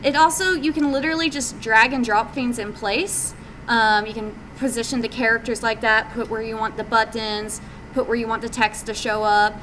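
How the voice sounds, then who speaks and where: Presenting informally to a live group meeting, a woman indie game developer talks in a hesitant, conversational manner with casual wording. Her voice is fairly high and fairly bright, with fairly even intonation and a moderate pace. Audio is poor, a live meetup capture with background noise.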